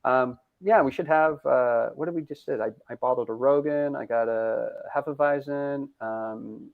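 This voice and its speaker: A brewery founder chatting casually in an interview, upbeat and rambling, laughing often, over a video call. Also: male voice, medium pitch, normal speed, vocal fry, no echo. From Canada. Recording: dull lo-fi video call audio.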